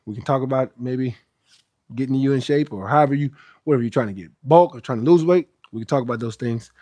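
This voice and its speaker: Outdoors under a roof, a fitness trainer streams his workout live, chatting to viewers between sets of pull-ups. His mid-range voice is warm and quick, with no echo. He talks casually but emphatically, repeating phrases for stress.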